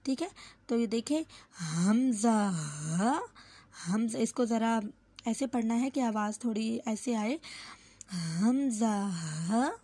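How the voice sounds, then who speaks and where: A woman teaching how to pronounce Quranic letters, who repeats each sound slowly and drawn out and explains with small fillers and self-corrections. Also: fairly high pitch, warm tone, dry recording. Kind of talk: step-by-step lesson on letter pronunciation.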